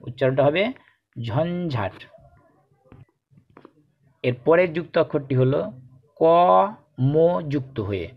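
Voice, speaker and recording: Slow, deliberate pronunciation teacher, man. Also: medium pitch. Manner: slow, deliberate, repeats example words for drill. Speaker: Bengali teacher. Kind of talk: pronunciation lesson. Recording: dull lo-fi recording.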